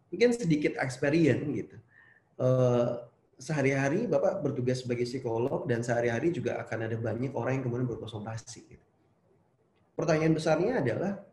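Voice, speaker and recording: A man's voice: fairly high pitch, darkish tone. A man, a psychologist, giving a conversational online seminar lecture to students and posing rhetorical questions. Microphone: video call. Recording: roomy echo.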